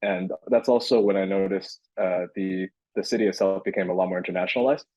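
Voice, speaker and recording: Speaking fast in a low, darkish, slightly rough voice with fairly even intonation, a crypto entrepreneur in his thirties answers podcast questions casually, with lots of fillers and false starts. He's California-born and Beijing-raised. There's no room sound and the high frequencies are cut off.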